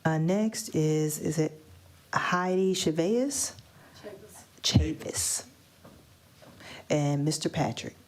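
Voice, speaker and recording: A woman chairing a county hearing, slowly and hesitantly calling the next speakers. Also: sits low. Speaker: meeting chair.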